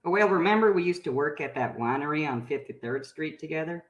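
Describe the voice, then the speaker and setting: A man playing an awkward, earnest young streamer, halting and polite, in a found-footage film. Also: on the high side, expressive, lo-fi sound, lightly acted. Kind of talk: acted livestream and phone talk in a found-footage film. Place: small bedroom.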